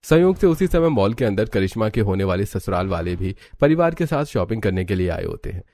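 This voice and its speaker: A man narrating a cartoon story in a steady storytelling manner. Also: fairly low pitch, fairly quick.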